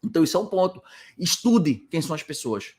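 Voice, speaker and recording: A hospitality business coach with a Brazilian Portuguese accent teaches informally to camera inside a rental house, explaining a point and then answering his own rhetorical questions. His voice is a little high and darkish in tone, and he talks fast with big swings in pitch.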